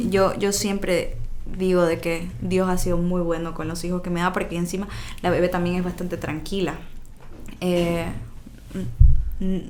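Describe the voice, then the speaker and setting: A woman's voice: fairly low pitch, a little mellow, a little hiss or hum. Chatty woman telling stories. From Bolivia. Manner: chatty storyteller acting out quoted dialogue, frequent "digamos, ¿no?" fillers. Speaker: podcast guest. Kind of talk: casual podcast conversation.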